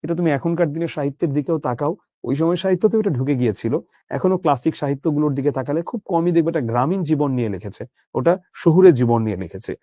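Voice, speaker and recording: Brief: male teacher, slightly high voice, dry close sound, explains a text piece by piece and keeps checking students follow. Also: fast, mellow, dry recording, muffled recording. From Bangladesh. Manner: explains line by line, asks rhetorical questions, checks understanding. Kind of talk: explanatory lecture.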